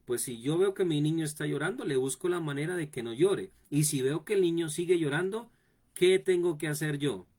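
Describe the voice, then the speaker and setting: A man's voice: on the high side, brisk, a little mellow. Preaching pastor, man. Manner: repetitive, direct address to the congregation. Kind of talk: sermon teaching.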